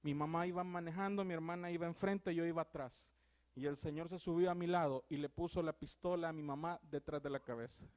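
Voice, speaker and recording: This young Salvadoran man preaches in church with an accent from his Spanish, swinging from loud exclamations to quiet, earnest moments. His voice is on the high side with a steady tone, and he talks fairly quickly.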